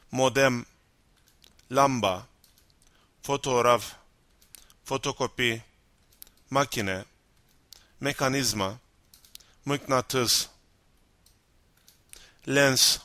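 A man with a Turkish accent, a native Turkish speaker teaching vocabulary, reading out word lists one by one and explaining them slowly. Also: mid-range voice, pushed and bright, no echo. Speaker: language teacher.

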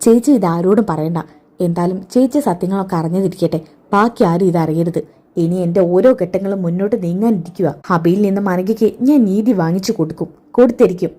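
A woman voicing a resolute young woman in a retold serial, firm and protective. The delivery is quick and the tone mellow. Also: on the low side, lightly acted. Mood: determined.

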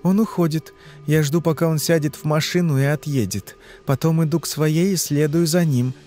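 A man voicing a frightened young woman under hypnosis in an audiobook, answering in short, halting phrases. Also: on the high side, steady tone, warm tone, soft background music, voice pushed up, natural voice. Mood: uneasy. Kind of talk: audiobook reading.

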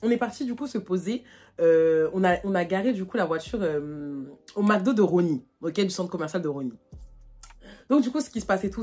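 A young woman from France, telling a casual storytime to her vlog audience in animated, slangy talk full of fillers. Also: fairly high pitch, slightly rough. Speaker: vlogger. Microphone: phone.

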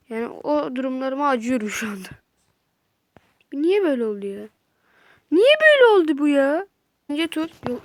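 A woman giving casual, jokey gameplay commentary, chatty and prone to sudden excited yelps. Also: sits high, dry recording. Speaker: gaming channel host.

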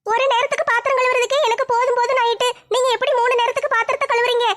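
A woman's voice: extremely high pitch, flat delivery, racing, fairly bright tone, voice pushed up. A woman voicing a young, apologetic sister-in-law in a comedy family skit. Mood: surprised. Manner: pleading, apologetic.

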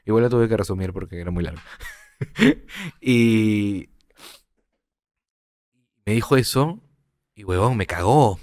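A young man, a podcast guest telling a personal story in a halting, reflective way, often repeating words. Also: on the low side, sing-song, darkish tone.

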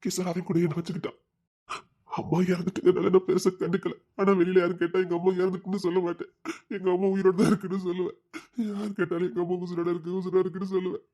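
A man's voice: high voice, flat delivery, quick pace, dark tone, dull audio. An actor with a Tirunelveli Tamil accent playing a young man who grieves his lost mother and confides earnestly in a close friend. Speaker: actor in a village web drama. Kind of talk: dramatic dialogue.

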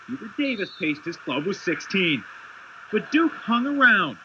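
A man narrating a scripted sports highlight voice-over as a TV reporter, with punchy dramatic phrasing. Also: very animated, measured pace, background noise. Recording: dull lo-fi 1990s TV broadcast.

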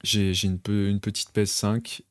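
Young guy streaming from his room, rambly chat with viewers, kinda low voice, dry sound. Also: level tone, moderate pace, no echo, faint music behind. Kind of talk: casual live stream chat. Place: home bedroom.

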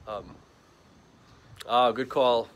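A man's voice: fairly even intonation, extremely slow, low-quality recording. A man hosting a casual charity livestream at an outdoor animal shelter, reading out viewer comments. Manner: talks to the dogs in a high, soothing baby voice; reads out and answers viewer comments. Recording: outdoor wind and barking noise.

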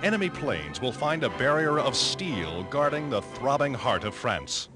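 A man's voice: mid-range voice, very animated, unhurried. A man narrating an old 1930s newsreel in a dramatic, emphatic announcer style. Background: music score.

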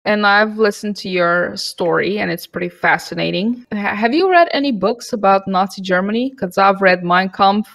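Young female podcast host, mid-pitched, talkative, digs in with questions on a studio mic. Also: normal speed, few pauses, fairly bright tone, poor audio. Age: young adult. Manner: chatty, asks probing questions. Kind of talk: interview questions. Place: home studio indoors. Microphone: headset and studio mic.

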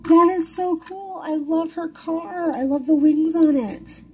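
Her voice is very high yet dark in tone, fairly even in intonation and unhurried, with a little hiss or hum on the recording. She's a toy unboxing vlogger chatting casually and giggling with delight at a wooden table indoors, her hands filmed from overhead.

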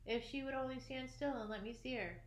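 A woman's voice: high-pitched, fairly quick, voice pushed up, lightly acted. Curious, delighted storybook girl as a woman reads her, breathless wonder, roomy sound. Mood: excited. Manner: breathless wonder, full of questions. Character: eager, curious young girl, easily delighted. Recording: roomy echo.

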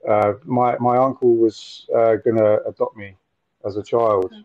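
Speaking at a medium pitch with little pitch movement, a Nottingham man in his forties stumbles through his stories, repeating words and filling pauses often. He's a guest on a casual storytelling interview, joining by video call from a room at home with window blinds, and the audio is muffled and dry with no echo.

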